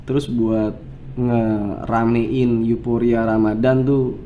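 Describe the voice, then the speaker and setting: A man's voice: mid-range voice, level tone, slow pace, dull audio, a little hiss or hum. A man from Java hosting a casual chat interview, joking in slangy talk and laughing often. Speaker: host.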